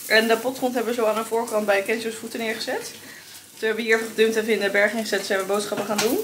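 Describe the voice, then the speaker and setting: A young woman with a Dutch accent, chatting casually to a handheld camera at arm's length in her apartment, thinking aloud in a relaxed way. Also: a little high, fast talker, noisy background. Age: young adult. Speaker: vlogger. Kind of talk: casual vlog chat. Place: apartment living room, indoors.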